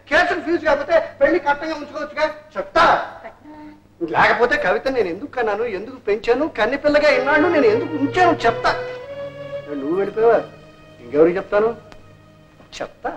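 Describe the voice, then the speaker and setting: A man playing a scheming, boastful middle-aged father in a comic old film drama, talking theatrically and wheedling. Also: very high voice. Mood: pleading. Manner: theatrical, wheedling, repeats a pet word. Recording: old film soundtrack with music.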